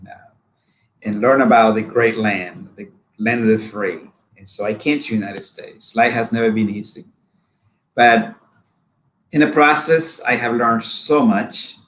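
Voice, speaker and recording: A man's voice: on the low side, reverberant, low-quality recording. A man in his forties from Honduras, speaking English with a Spanish accent, earnestly telling his life story as a guest with frequent fillers. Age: 40s. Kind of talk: personal storytelling.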